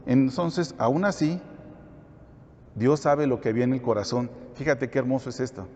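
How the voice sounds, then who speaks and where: A man's voice: mid-range voice, normal speed, darkish tone. A man teaching a Bible study, asking the listeners questions and then answering them himself. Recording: echoey hall, dull lo-fi sound.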